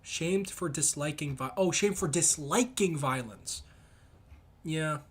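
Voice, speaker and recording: Slangy young man, slightly high voice. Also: takes it slowly, husky. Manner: slangy, emphatic, thinking out loud. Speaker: solo commentator reading and reacting to comments. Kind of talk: casual rambling chat about comics and anime.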